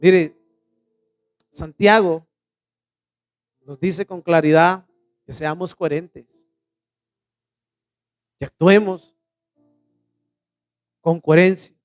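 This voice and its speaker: A male pastor preaching a sermon in a church, asking the congregation questions and answering them, reading scripture slowly with emphasis. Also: a little high, fairly even intonation, faint music behind.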